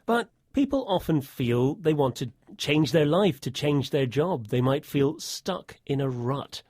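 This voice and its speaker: A man's voice: on the high side, animated, unhurried, darkish tone, no echo. A man co-presenting a scripted educational radio chat in a playful, chatty way. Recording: dry studio.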